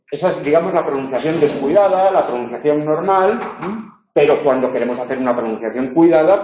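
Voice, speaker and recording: In a mellow, mid-range voice, a university tutor from northern Spain explains phonetics and demonstrates sounds, frequently checking in with his audience. He speaks with a northern Spain Spanish accent, captured in a roomy, dull, lo-fi lecture recording.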